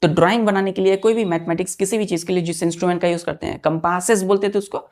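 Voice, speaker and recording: Racing along in a somewhat low, slightly mellow voice with fairly even intonation, a woman gives an online exam-prep lesson on English grammar. She keeps repeating key words and spelling them letter by letter while quizzing her students, whom she addresses as children.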